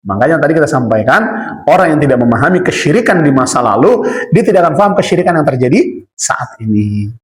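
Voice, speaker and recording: A man's voice: on the high side, very animated, fast talker. A man teaching an Islamic study class, speaking conversationally, asking the audience rhetorical questions and calling them "Pak". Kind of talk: religious study lecture. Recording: echoey room.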